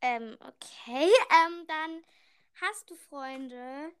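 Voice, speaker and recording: A woman's voice: high-pitched, extremely slow, fairly bright tone, slight background noise. A woman in casual, playful chat, asking questions as a partner in a challenge.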